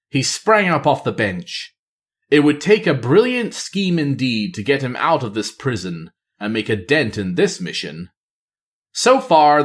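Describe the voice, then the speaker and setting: A man reading a novel aloud as a storyteller, narrating in a lively, expressive way. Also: medium pitch.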